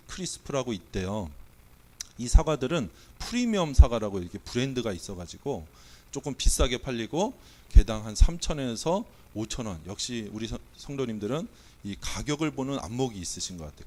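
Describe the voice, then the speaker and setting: A Korean pastor preaches in a church sanctuary, his mid-range, slightly mellow voice weakened by a cold so it doesn't come out well. He playfully quizzes the congregation and runs a mock auction.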